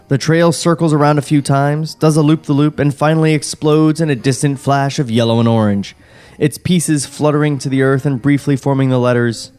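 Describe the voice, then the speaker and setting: Cracking jokes and laughing between lines, a podcast host steadily reads out stage directions from a screenplay as part of a comedic table read. He speaks with a medium-pitched, slightly mellow voice.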